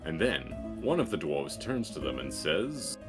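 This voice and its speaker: A man's voice: a bass voice, big pitch swings, unhurried, over music. A man narrating a fantasy text adventure aloud, reading out the story and its dialogue. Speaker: reader of story game text.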